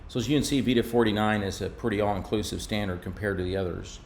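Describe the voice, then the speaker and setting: This fairly low-voiced man presents technical content for a radio maker, speaking in a calm, casual manner like someone clicking through slides. Vocal fry runs through his speech over a light background noise.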